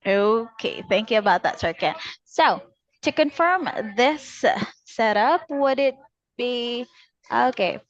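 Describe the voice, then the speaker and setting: A woman telemarketing agent politely delivers a scripted cold-call sales pitch, addressing the customer formally. She speaks slowly with lively intonation. There is no room sound, and the audio is dull.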